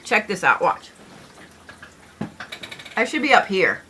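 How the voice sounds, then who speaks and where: A middle-aged woman hosts a casual livestream, chatting and joking with her viewers. Her voice is bright and forward, and she talks in a loose, familiar way with the odd curse word. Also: medium pitch, big pitch swings, slow, a little hiss or hum. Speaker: astrology livestream host.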